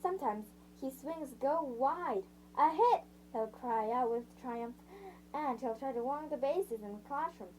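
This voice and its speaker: A woman's voice: on the high side, mellow, slight background noise, rough recording. A woman reading a novel aloud in the first person, stumbling, restarting lines and stopping to sum up parts in her own words. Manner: halting, frequent restarts and self-corrections. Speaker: audiobook reader. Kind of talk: amateur read-aloud narration.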